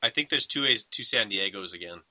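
A man's voice: fairly low pitch, expressive, brisk, pushed and bright, no room sound. A young man hosting a casual motocross radio chat, rambling with lots of fillers. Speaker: podcast host.

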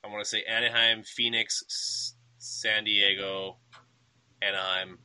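A young man hosts a casual motocross radio show, his voice very bright and forward. He rambles through fillers and restarts, recorded dry and close. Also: on the low side, level tone, measured pace, smooth, no echo. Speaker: podcast host.

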